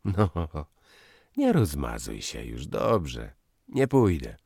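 A man's voice: a bass voice, huge pitch swings, slow pace, creaky, a little mellow, breathy edge, no room sound, studio quality, exaggerated voice. A man voicing a smug young graduate in a lightly raised, teasing voice.

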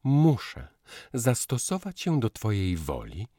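A man's voice: fairly low pitch, wildly swooping pitch, slow, warm tone, no echo, studio quality, pitched above the performer's own voice, full character voice. A man voicing a young newlywed woman who speaks in a cool, firm, clipped way. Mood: cold. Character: young bride, cool and stiffly dutiful.

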